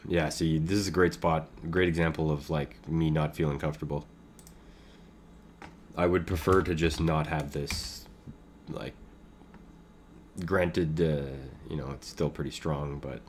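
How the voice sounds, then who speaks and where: A man's voice: a bass voice, a little slow, long pauses, slight background noise. A man commenting on his own online poker game in casual, thinking-aloud talk, with many fillers and chuckles.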